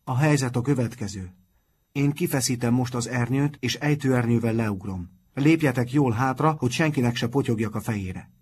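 A man reading aloud, voicing a small, timid schoolboy who loudly announces a daring plan. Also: mid-range voice, slightly rough, pitched above the performer's own voice, natural voice. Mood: determined. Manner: loud, announcing. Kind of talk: audiobook narration.

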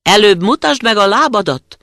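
A narrator voicing tiny young goat kids in a storybook, with a small, thin, squeaky voice. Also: lively intonation, pushed and bright, no room sound, studio quality. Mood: wary. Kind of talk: storybook reading.

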